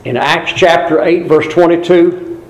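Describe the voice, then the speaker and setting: A man delivers a sermon in a fairly high voice that leaps up on emphatic phrases and sinks low for solemn remarks. He repeats key words to drive them home. The room around him is echoey. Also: steady tone, measured pace. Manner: swings between high emphatic peaks and low grave asides; quoted crowd voices in raised pitch. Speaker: preacher.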